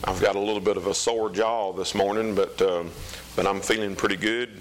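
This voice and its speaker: A man with a Southern US accent preaches an informal sermon to his congregation as a pastor, reading scripture in a folksy, conversational way with hesitant pauses. His voice is lowish and fairly even, with slight background noise.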